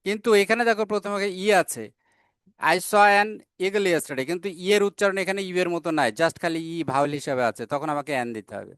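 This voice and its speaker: A male teacher talks through a grammar lesson at a patient, explaining pace, slowing right down to read out English example sentences. His voice sits a little high and sounds smooth and clear. He breaks his flow with small "ah" fillers and quick self-corrections, recorded close up in a dry space with no room sound. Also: fairly bright tone, no echo. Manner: explains step by step, reads English examples slowly.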